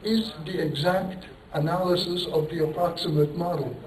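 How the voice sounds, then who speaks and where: Lecturing at a conference, a Turkish-speaking engineering professor talks at a moderate pace with a steady tone, his voice fairly high for a man. The mic catches him from afar in a reverberant hall as he rambles, apologizes for it, chuckles self-deprecatingly and asks rhetorical questions.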